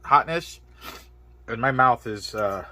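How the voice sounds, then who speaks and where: A man's voice: medium pitch, animated, takes it slowly, bright, forceful tone, slight background noise. A man casually reviewing spicy noodles on camera, exclaiming between bites as the heat builds. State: mouth burning from spicy food. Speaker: product reviewer. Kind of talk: casual food review vlog.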